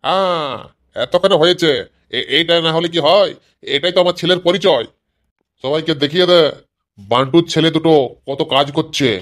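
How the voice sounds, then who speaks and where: A man's voice: on the high side, moderate pace, fairly bright tone, lightly acted. A man voicing a scolding, exasperated father who sells vegetables, in a cartoon. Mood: approving. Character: grumpy father, vegetable seller. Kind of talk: cartoon voice acting.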